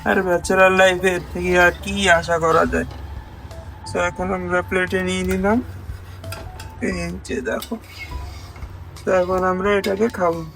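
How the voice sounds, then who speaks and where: A young man chatting to viewers in a casual late-night cooking vlog, mixing in English words and often speaking softly. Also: sits high, level tone, moderate pace, gravelly, pauses often, soft background music, low-quality recording. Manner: speaks in a hushed voice so as not to wake a sleeping roommate. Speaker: vlogger. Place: small kitchen at night, indoors.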